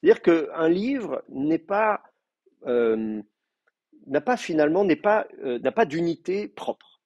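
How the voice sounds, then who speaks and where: Male lecturer, slightly raspy, mid pitch, recorded dry; explains step by step with many fillers. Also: darkish tone, no echo. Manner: thinking aloud with many hesitations; explains terms patiently, writing them out for the class. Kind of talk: university lecture. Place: classroom.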